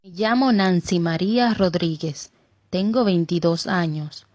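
A Dominican woman reads a scripted self-introduction for language learners in a lowish, mellow voice. She speaks slowly, and the recording is dry. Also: no room sound. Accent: Dominican Spanish. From Dominican Republic. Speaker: voice actor in a language lesson.

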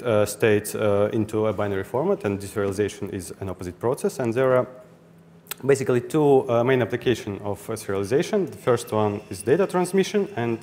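A young man with a Russian accent gives a technical talk at a meetup, hesitant and full of fillers and restarts. His voice is lowish and a little mellow. The recording has hall reverb and faint ambient noise from the room and its audience.

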